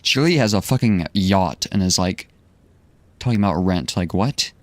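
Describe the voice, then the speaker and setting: A man's voice: sits low, lively intonation, normal speed, no room sound. A man streaming a game live, commenting casually in a loose, joking way and swearing freely.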